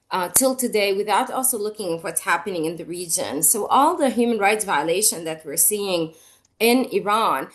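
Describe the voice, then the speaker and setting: A woman professor answering interview questions on a video call, articulate and earnest, her voice nasal from a cold. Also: medium pitch. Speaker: professor guest.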